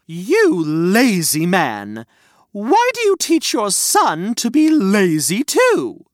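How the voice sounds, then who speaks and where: A storyteller voicing an indignant mother who shouts and scolds, raised and slowed. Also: mid-range voice, huge pitch swings, dry recording, clean studio sound, voice pushed up. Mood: scolding. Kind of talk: storybook read-aloud.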